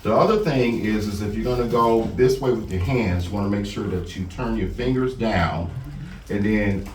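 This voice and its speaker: Careful, unhurried man in a noisy, roomy recording. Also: lowish voice. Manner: careful, unhurried step-by-step explaining; often checks understanding with okay, right. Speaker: cooking club instructor, home cook. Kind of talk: informal hands-on cooking demonstration. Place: indoors at a house, far from mic. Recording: roomy, distant mic with loud noise.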